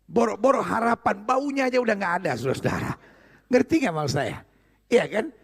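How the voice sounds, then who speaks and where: A man's voice: high-pitched, lively intonation, fairly quick, a bit bright, breathy edge. A middle-aged male pastor preaching a sermon, joking with the congregation and calling for responses.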